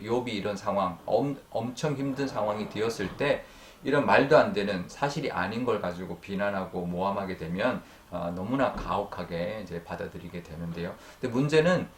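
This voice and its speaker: Low-voiced pastor preaching in an echoey room. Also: male voice. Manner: earnest, many drawn-out fillers, trailing off softly at sentence ends. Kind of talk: dawn prayer sermon. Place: church sanctuary.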